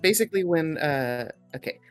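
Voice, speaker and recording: A book club participant chatting casually over an online voice call, the audio choppy and cutting out, talking in halting bits that trail off mid-sentence. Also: medium pitch, lively intonation, faint music behind. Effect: choppy online call audio that keeps cutting out.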